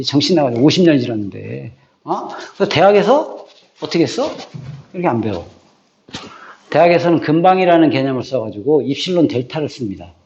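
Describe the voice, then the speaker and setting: A man teaching high school math in a classroom, bluntly ranting and quizzing students with repeated prompts. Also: a little mellow. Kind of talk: classroom lecture. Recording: echoey classroom, dull lo-fi sound.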